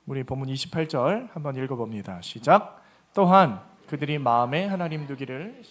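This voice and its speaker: A man's voice: mid-range voice, expressive, moderate pace. A male pastor giving a Sunday sermon, preaching with animation and acting out quoted voices.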